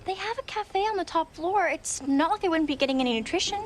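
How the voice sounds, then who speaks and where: A woman's voice: extremely high pitch, lively intonation, fast talker. A young woman playing a spoiled, dramatic, fashion-loving teenage girl in a television family comedy, breezy and wheedling. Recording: music clearly behind.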